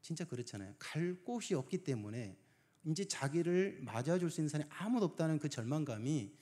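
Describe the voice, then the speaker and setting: A male pastor preaching a sermon. He swings between hushed, near-whispered phrases and loud emphasis, and asks the congregation many rhetorical questions. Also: a little high, expressive, a little fast.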